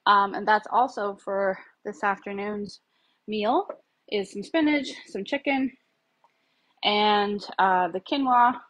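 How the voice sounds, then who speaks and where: A home cook vlogger in her thirties chats casually while cooking in her home kitchen, rambling with plenty of fillers. Her voice is medium-pitched, slow, and a little bright. It's a casual cooking demo recorded on a phone camera resting on the counter.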